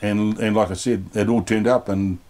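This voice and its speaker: A man's voice: fairly low pitch, steady tone, normal speed, darkish tone. A New Zealand man in his sixties, a boatbuilder talking casually in a yacht cabin on a lapel mic, plain-spoken and rambling with many fillers. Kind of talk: casual interview.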